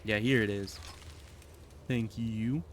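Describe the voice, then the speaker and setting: A man's voice: fairly low pitch, steady tone, slow, slight background noise. A man streaming a game, chatting casually and rambling as he thinks aloud. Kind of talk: casual gameplay commentary.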